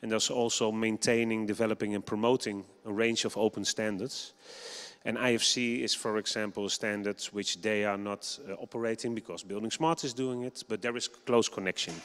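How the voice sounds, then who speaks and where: A man gives a conference presentation, his low voice smooth and clear as he explains at an even rate, often pausing on an "um". Long hall reverb trails behind every phrase. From Netherlands. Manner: steady explaining with many ums.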